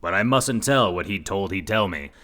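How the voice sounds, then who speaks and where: In a comedic radio play, a male actor portrays an earnest, dim young reporter, delivering his lines deadpan and sincere. His voice sits low and moves at a normal speed.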